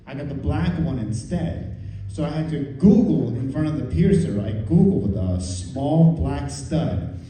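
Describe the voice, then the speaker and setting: A man's voice: on the high side, expressive, measured pace, mellow. Echoey, self-deprecating male stand-up comedian. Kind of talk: stand-up comedy, conversational storytelling to a live audience. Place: live comedy room with audience. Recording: echoey room, distant, faint noise.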